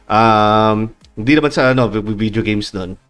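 A man's voice: on the low side, quick pace, soft background music. Laughing Filipino man in casual chat. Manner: laughs often, loose and joking. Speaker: podcast co-host. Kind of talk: casual chat among friends.

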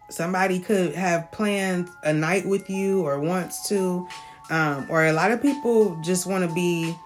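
Low-ish woman doing a chatty reading, keeps saying okay, soft music behind. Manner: chatty, repeats "okay?" often, laughs. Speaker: tarot reader. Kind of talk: casual spoken reading.

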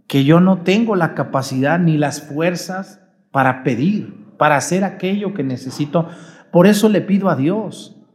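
Folksy priest preaching. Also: male voice, fairly high pitch, darkish tone. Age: 40s. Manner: questioning the congregation directly, folksy. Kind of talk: sermon at Mass.

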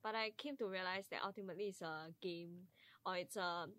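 A young Singaporean woman chats in Singlish with a bright, forward voice at medium pitch. She sounds like a student in a casual group discussion, recorded close and dry. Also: fairly quick, no room sound. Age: young adult. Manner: Singlish with local particles. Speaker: university student on a podcast.

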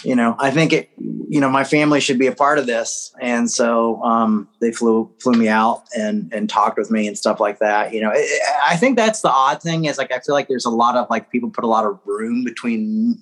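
A man's voice: medium pitch, moderate pace, few pauses, fairly bright tone, rough recording. Rambling man in his forties, guest. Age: 40s. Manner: rambling, many fillers, self-deprecating laughs. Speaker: podcast guest. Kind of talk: casual interview chat.

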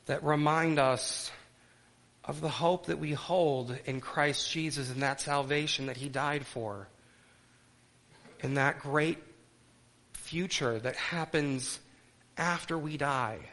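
A male pastor with a somewhat high voice leads a church service. He delivers sermon and liturgy solemnly, shaping his words in short, measured clauses. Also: fairly bright tone. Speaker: pastor leading worship and communion.

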